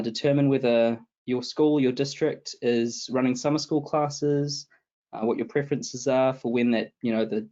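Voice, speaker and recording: Speaking as a guest on a webinar, a support consultant from New Zealand, a man in his thirties, explains things in a warm, low-key, steady way and tends to begin his answers with "absolutely." He's indoors in a home room lined with a bookshelf, and the video call's laptop mic makes the sound dull and lo-fi.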